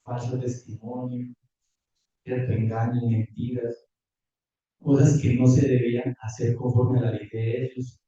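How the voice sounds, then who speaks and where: A man preaching a sermon and reading scripture in a measured, careful way, recorded from afar in a church hall. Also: mid-range voice, level tone, dark tone. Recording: distant, echoey, muffled church audio.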